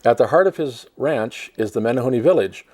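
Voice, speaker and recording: A man's voice: medium pitch, animated, brisk, darkish tone, husky. A man hosting a talk show, reading a profile aloud and adding chatty asides with frequent laughs. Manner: chatty, laughs between lines.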